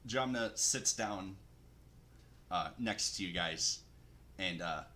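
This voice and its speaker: Male tabletop game master, bright and low-pitched, unhurried narration full of ums, faint hiss under it. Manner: halting, many ums and uhs, laughs often.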